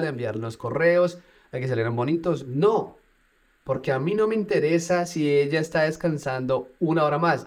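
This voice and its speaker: A man who runs a business, talking straight to viewers in a casual tutorial vlog. He speaks with energy and drops punchy sound words like "boom" as he goes. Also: a little mellow. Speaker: business owner.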